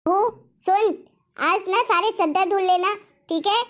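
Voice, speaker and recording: A woman voicing a domineering, quick-tempered middle-aged mother-in-law in a cartoon story, taunting and scolding. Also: fairly bright tone. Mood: bossy. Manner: taunting, bossy, shrill scolding.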